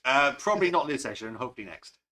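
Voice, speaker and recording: Bright-toned male game master in a loose, rambling chat, quick to laugh at himself. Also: medium pitch, very animated. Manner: rambling, self-deprecating, laughs often. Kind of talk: casual podcast chat.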